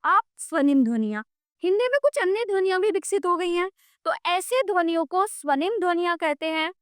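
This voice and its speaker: A woman's voice: extremely high pitch, animated, a little fast, no echo, clean studio sound. A woman teaching a grammar lesson, explaining patiently and often checking in with the listener.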